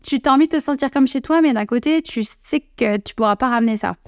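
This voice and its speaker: A woman's voice: high-pitched, quick pace, no room sound, studio quality. A young woman from France, a podcast guest talking casually and chattily about living abroad. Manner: chatty, slips into playful English put-on voices.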